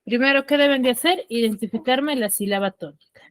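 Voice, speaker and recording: A woman's voice: on the high side, fairly quick, no room sound. A woman teacher on a video call, patiently quizzing her students and confirming their answers. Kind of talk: online class quizzing students.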